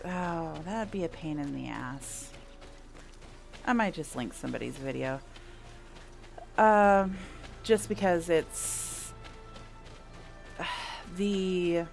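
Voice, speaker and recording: Low-leaning, gravelly and a little mellow, a female streamer chats loosely over her gameplay, thinking aloud and occasionally swearing mildly. The game's music and sounds can be heard in the background.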